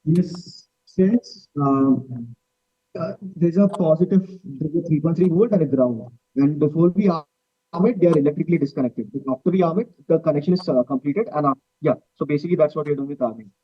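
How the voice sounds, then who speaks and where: A man's voice: a little high, fairly quick, husky, dry recording. Young man on a garbled call, volume uneven. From India. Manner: hesitant, many fillers. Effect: uneven volume, cutting in and out. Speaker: student rocket team member. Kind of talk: technical explanation on a video call. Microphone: video call. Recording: muffled, garbled video call audio.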